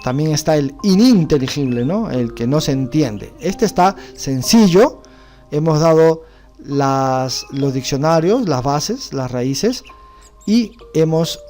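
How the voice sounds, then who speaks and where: A man's voice: fairly high pitch, mellow. Man teaching a religious class. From Bolivia. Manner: explanatory, asks rhetorical questions with frequent "¿no?". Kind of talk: religious studies lecture.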